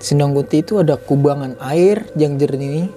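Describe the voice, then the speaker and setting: A man in his twenties, appearing as a guest storyteller, shares a personal story in a loose, chatty way, filling his sentences with "gitu" and "Bang." His voice is a little high and mellow, his pace moderate, with slight background noise.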